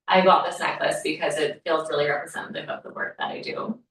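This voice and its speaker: A woman leading a somatic wellness workshop for a live group, speaking gently and often dropping to a near-whisper. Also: sits low, fairly even intonation, moderate pace, a little hiss or hum. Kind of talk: workshop teaching and Q&A. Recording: echoey room, mic far off.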